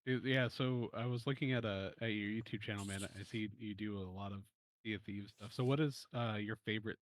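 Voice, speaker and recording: A man's voice: fairly low pitch, fairly even intonation, fairly quick, no echo. A man co-hosting a podcast, asking interview questions hesitantly with many fillers. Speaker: podcast co-host.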